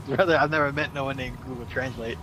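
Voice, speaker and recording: A young man streams outdoors with a medium-pitched voice at normal speed, joking and teasing in casual chat. He laughs often and restarts his words, and the street recording is noisy.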